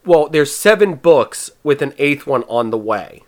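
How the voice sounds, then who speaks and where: A man hosting a casual movie podcast, summarizing the plot with quick, stumbling restarts. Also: a little high, expressive. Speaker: podcast host presenting the movie.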